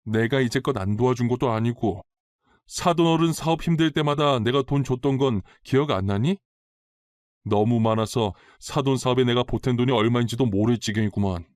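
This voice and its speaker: A man's voice: medium pitch, fairly quick, no room sound, close to an everyday voice. Stern older mother-in-law, a man reading her, firm and scolding, dry close sound. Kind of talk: storytelling drama reading.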